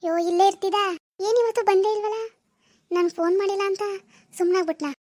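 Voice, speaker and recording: A woman's voice: very high-pitched, steady tone, fast talker, dark tone. A woman playing a fretful lovestruck college girl. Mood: anxious. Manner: fretful muttering to herself. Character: lovestruck young female college student. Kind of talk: village family drama.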